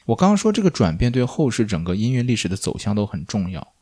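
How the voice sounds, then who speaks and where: Podcast host, male, lowish voice, chatty storyteller with a ranting streak. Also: quick pace, slightly rough. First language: Chinese. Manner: chatty, colloquial storytelling, turns animated and exasperated when ranting. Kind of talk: scripted podcast narration with asides.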